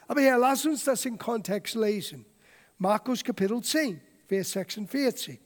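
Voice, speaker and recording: A man's voice: very high-pitched, lively intonation, normal speed. A man preaching a sermon, emphatic and dramatic as he retells scripture. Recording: long hall reverb.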